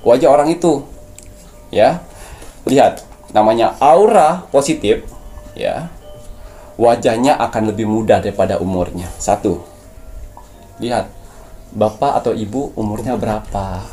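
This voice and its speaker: A man's voice: lowish voice, measured pace, pauses often, dark tone, soft background music. A man speaking as a spiritual medium, giving preachy mystical advice and coaching his listeners. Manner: preachy, coaching tone, addresses viewers as "sayang".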